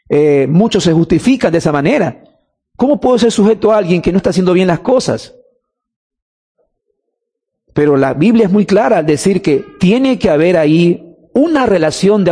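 A man's voice: high-pitched, warm tone, husky, long reverb tail. A man preaching a sermon, emphatic, drawing out key words and asking rhetorical questions.

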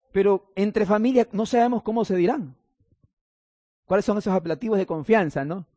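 A man's voice: high-pitched, takes it slowly, long pauses, warm tone, dry recording, studio quality. A male pastor preaching a sermon, reading scripture aloud and explaining it, with playful asides to his congregation.

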